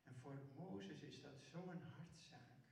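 A man preaching a sermon emphatically, rising to loud declarations and sinking to hushed near-whispers. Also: a little high, takes it slowly, vocal fry, slight background noise. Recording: very echoey hall, mic far off.

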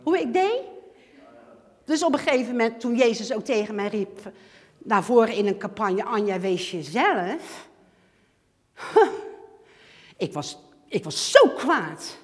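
A woman giving a lively church testimony, acting out little dialogues and swinging between loud and hushed. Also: on the high side, a little slow, long pauses. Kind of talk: sermon testimony. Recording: long hall reverb.

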